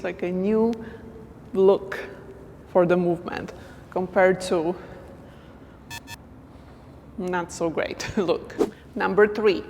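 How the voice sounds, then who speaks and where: A woman teaching dance moves in a casual instructional talk, counting beats softly as she demonstrates. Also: medium pitch, big-room sound, a little hiss or hum.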